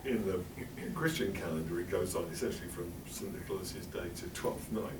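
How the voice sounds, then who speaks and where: A middle-aged Englishman with a deep voice gives a chatty, wry talk in a public library meeting room, speaking a little fast and filling it with asides and fillers. He's recorded from a distance in a roomy hall, with background noise.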